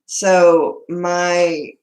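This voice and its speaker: Female livestream host, Southern US accent, lowish pitch, informal folksy chat with viewers, echoey room. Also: little pitch movement, very slow, a little mellow. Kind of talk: casual live-stream chat, greeting viewers. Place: indoor room at home.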